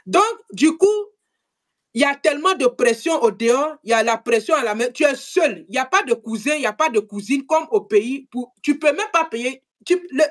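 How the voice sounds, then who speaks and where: Sex: woman. Role: live-stream host. Pitch: fairly high. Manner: animated, repeats words, speaks straight to viewers. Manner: animated, repetitive, addresses viewers directly. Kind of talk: casual live-stream chat.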